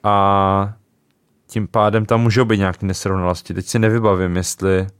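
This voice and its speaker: A man's voice: low voice, level tone, smooth, no echo. A young man co-hosting a casual book chat, thinking aloud with small hesitations. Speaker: podcast co-host.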